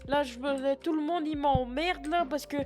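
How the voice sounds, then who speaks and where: A man putting on a high-voiced old patois granny. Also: normal speed, music in the background. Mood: rambling. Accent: put-on Picard and Norman patois mix. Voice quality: sniffly, rambling, swears a lot. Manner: chatty, flustered, self-mocking asides to chat. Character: 60-year-old foul-mouthed female shop clerk, scatterbrained. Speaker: streamer doing roleplay. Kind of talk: live-streamed game roleplay. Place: at home at a computer.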